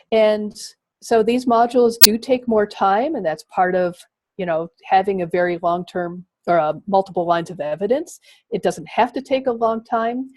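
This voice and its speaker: A woman's voice: medium pitch, no room sound. Woman webinar presenter, explanatory and hesitant, dry close sound. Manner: explanatory, with frequent ums and uhs.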